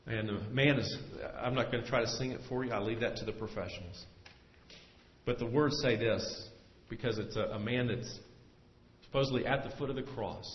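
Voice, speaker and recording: A male pastor preaching a sermon in earnest, swelling louder and slowing down to stress his points. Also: mid-range voice. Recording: echoey hall, dull lo-fi sound.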